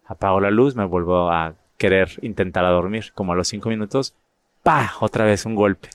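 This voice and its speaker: Chatty Mexican actor with a low voice. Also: male voice, moderate pace, clear, resonant tone, dry recording. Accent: northern Mexican. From Monterrey, Mexico. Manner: animated, repeats words while finding them. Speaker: actor and guest. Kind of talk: casual storytelling interview.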